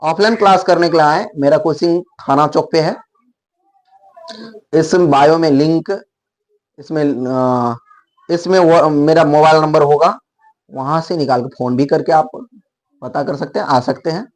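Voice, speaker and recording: High-voiced man teaching word origins. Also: unhurried, pauses often. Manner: explains step by step, repeats words to model pronunciation. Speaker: English teacher. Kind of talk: explanatory video lesson.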